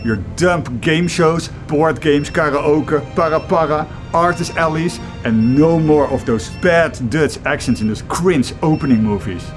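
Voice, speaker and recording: A man's voice: fairly high pitch, a little slow, music in the background, close to an everyday voice. A man playing a gloating, sarcastic villain with a theatrical, taunting delivery in a hobby film. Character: gloating, sarcastic male villain with a doomsday plot. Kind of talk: hobby convention film acting.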